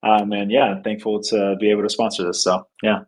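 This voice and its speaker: A man in his twenties from Venezuela is a guest on a podcast. He talks casually with a slightly low voice and pauses often, filling gaps with ums and likes. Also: little pitch movement, low-quality recording. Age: 20s. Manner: hesitant, filler-heavy. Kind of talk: casual interview.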